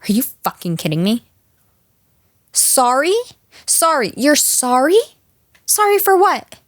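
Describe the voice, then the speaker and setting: A woman's exaggerated voice sits high and swings widely in pitch as she performs a jealous, possessive, unhinged girlfriend in a roleplay audio drama. Incensed yet sickly sweet, she taunts the listener slowly and menacingly, dropping condescending pet names and sliding into breathy whispers. It's a dry, studio-quality recording.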